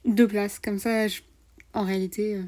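Chatty young woman, mellow voice. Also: mid-range voice, little pitch movement, moderate pace. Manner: chatty, enthusiastic, casual slang. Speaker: podcast co-host. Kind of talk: casual travel chat.

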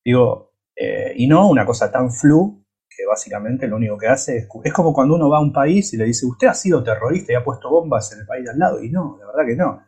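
Husky Argentine man debating. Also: medium pitch, expressive, brisk, a little mellow. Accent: Argentine, Buenos Aires. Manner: reflective, hesitant, with frequent restarts. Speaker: podcast panelist. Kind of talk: casual debate.

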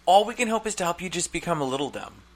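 A man's voice: high-pitched, lively intonation, rapid-fire. A man co-hosting a podcast in casual, teasing banter. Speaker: podcast co-host.

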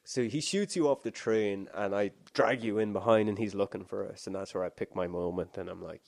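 Gravelly low-voiced man, joking around. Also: brisk, a little mellow, no room sound. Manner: rambling, jokey, laughs often, many restarts. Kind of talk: casual comedic chat.

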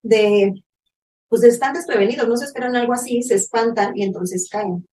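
A woman's voice: on the high side, moderate pace, far from the mic, a little hiss or hum, low-quality recording. A Mexican woman co-hosting a casual podcast chat, telling stories and acting out phone calls in put-on voices. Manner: animated storyteller, acts out phone calls in voices. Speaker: podcast co-host.

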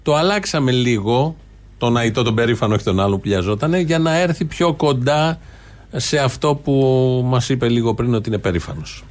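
A man's voice: mid-range voice, lively intonation. Male co-host, dry sarcastic banter, average voice. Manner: sarcastic, mocking. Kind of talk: casual satirical chat.

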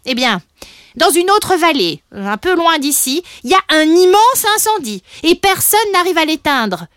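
A woman putting on a gossipy little sprite, high and lively, bouncing all over the scale in a storybook reading. The sound is close and dry. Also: normal speed, dry recording. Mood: chatty. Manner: chatty, hesitant and bouncy. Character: chatty little male sprite, gossipy and eager.

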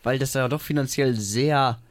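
A man's voice: mid-range voice, moderate pace, no echo. A man co-hosting a podcast in casual chat, reeling off numbers and dropping dry jokes. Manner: dry joking, reels off stats. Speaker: podcast co-host.

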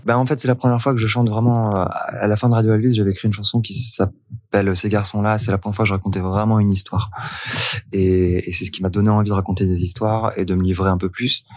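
A man from France, a singer-songwriter guest, talking in a relaxed interview with many fillers and restarts. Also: fairly low pitch, fast, no echo, studio quality.

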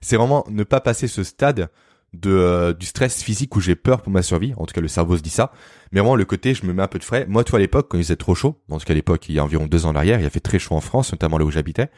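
A man's voice: low-pitched, animated, a little mellow, no echo, studio quality. A man explaining health topics as a guest, in a didactic, informal way. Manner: fast, didactic, addresses the listener informally. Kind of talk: explanatory podcast talk.

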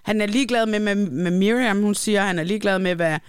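Woman hosting a chatty podcast, smooth clear voice, says it straight, dry room. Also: medium pitch, dry recording. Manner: blunt, emphatic, swears casually. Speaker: podcast host. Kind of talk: casual podcast chat.

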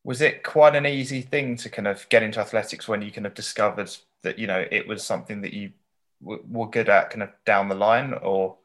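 A man's voice: fairly low pitch, fairly even intonation, brisk. A man hosting a casual podcast interview, asking loosely phrased questions in a hesitant way.

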